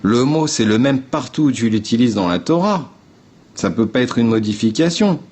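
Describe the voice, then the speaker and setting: Blunt, informal man with a mellow voice. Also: mid-range voice, expressive, moderate pace. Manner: blunt, informal, swears, addresses viewers directly. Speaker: livestream host. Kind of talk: casual explanatory livestream talk. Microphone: phone.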